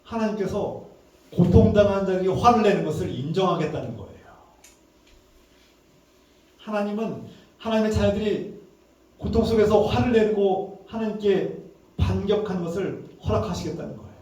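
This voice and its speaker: A man's voice: high voice, moderate pace, pauses often, a little mellow. A male pastor preaching a sermon with emphatic delivery, sometimes acting out angry, pleading prayers in a raised voice. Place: church sanctuary. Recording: echoey church hall, mic at a distance.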